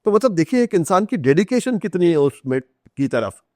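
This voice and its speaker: An Indian-accented author, appearing as a podcast guest, tells stories in an interview, moving between Hindi and English and repeating himself for emphasis. His voice sits high and is mellow and very animated, delivered at normal speed. The recording is dry and of studio quality.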